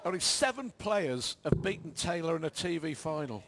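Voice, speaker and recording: A man's voice: fairly high pitch, sing-song, normal speed, fairly bright tone. A man giving live darts commentary as the lead commentator. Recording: clear background noise from venue.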